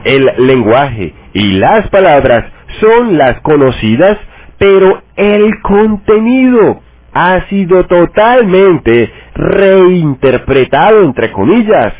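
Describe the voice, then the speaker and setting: A man reading a political text aloud, slowly and deliberately, saying every quotation mark out loud. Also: high-pitched, expressive, no echo. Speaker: reader. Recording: dry tinny phone-like sound.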